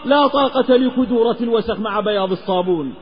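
A man's voice: high voice, quick pace. A man from the Hijaz preaching a sermon in an impassioned, half-chanted delivery. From Hijaz, Saudi Arabia. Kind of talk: Islamic sermon with a moral tale. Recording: lecture recording with long reverb, slightly dull.

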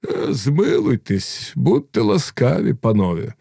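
A man's voice: medium pitch, wildly swooping pitch, unhurried, gravelly, warm tone, husky, no room sound, clean studio sound, full character voice. A man voicing an old, wise male cossack who humbly declines an honour. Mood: humble, pleading. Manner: humble pleading.

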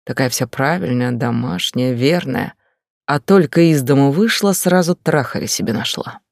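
A man voicing an angry, jealous middle-aged husband who accuses and shouts harshly in an audiobook. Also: medium pitch, animated, moderate pace, vocal fry, dry recording, studio quality. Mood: accusing.

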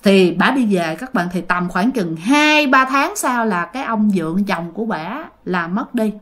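A woman's voice: medium pitch, lively intonation, measured pace, fairly bright tone. A woman telling a ghost story in a casual, chatty way, speaking directly to her listeners.

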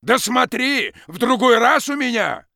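A man voicing a gruff, sullen forester who speaks in curt commands, read as an audiobook. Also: mid-range voice, very animated, measured pace, dry recording, clean studio sound, exaggerated voice. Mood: stern. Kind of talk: audiobook reading.

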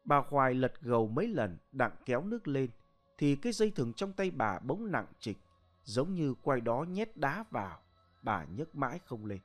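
Guy telling a ghost story, really lively pitch, slow and dramatic, faint music behind. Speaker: narrator.

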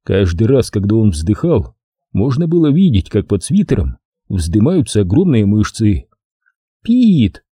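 A man narrating an audiobook in an expressive, lively reading voice. His tone is dark and husky. The recording is dry and close. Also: on the low side, normal speed, no echo. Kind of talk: scripted narration.

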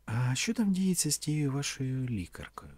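A man's voice: lowish voice, moderate pace, darkish tone, breathy edge, no room sound. A man reading a teasing, flirtatious woman. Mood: light. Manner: coy, teasing, sometimes whispered.

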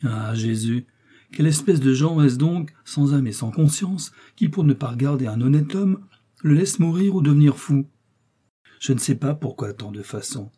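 A man's voice: medium pitch, expressive, moderate pace, warm tone, husky. Man reading a naive chattering innkeeper's daughter. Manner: artless, chattering. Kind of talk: audiobook reading.

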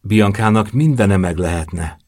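A tearful, kind young woman speaks softly in an audiobook. The voice stays low and husky, and the recording is close and dry. A man reads her without changing his own voice. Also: dry recording. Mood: tender.

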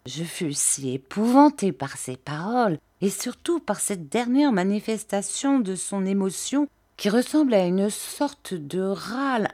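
A woman reading a classic novel aloud as an audiobook narrator, steady and measured. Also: medium pitch. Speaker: audiobook reader.

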